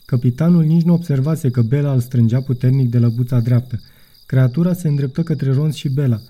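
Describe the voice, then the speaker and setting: A man reading a children's audiobook as narrator, in an even storytelling manner. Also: mid-range voice. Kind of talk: scripted narration.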